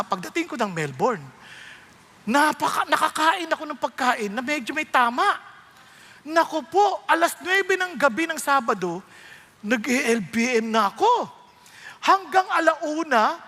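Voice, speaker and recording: A man with a Filipino accent preaching a sermon as a pastor, telling stories in an animated, humorous way. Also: very high voice.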